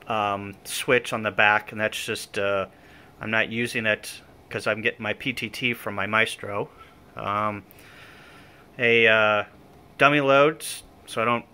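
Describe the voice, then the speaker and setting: Holding a phone or camera himself, this male ham radio enthusiast walks through his equipment casually and a bit haltingly, musing out loud. His mid-range voice is clear and resonant with a sharp edge. The setting is an indoor room where the gear sits on folding tables.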